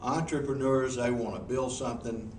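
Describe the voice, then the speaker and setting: In a noisy, echoey meeting room with the mic set far away, a Southern US man answers interview questions before a group. His medium-pitched, darkish voice holds a steady tone at normal speed. He's a professional speaker with a folksy, earnest style and many restarts.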